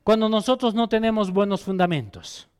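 A man preaching a sermon as pastor, asking the congregation questions and voicing quick quotes. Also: high voice, a little mellow, clear, resonant tone.

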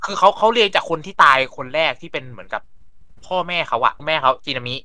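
A man's voice: on the high side, very animated, quick pace, bright, forceful tone, no room sound. A man chatting casually as a podcast panelist, retelling plots at length and acting out lines. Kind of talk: casual chat.

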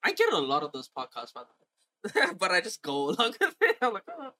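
Bright-voiced young man bantering crudely. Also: high-pitched, brisk. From India. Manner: animated, crude, profane. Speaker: podcast co-host. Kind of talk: casual comedic podcast banter.

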